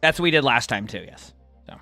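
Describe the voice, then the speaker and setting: A man's voice: mid-range voice, expressive, brisk, bright, forceful tone, no echo, faint music behind. A man streaming a game, chatting casually to his viewers through a livestream headset mic. He rambles, using lots of fillers and restarts. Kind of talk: casual chat to stream viewers while gaming.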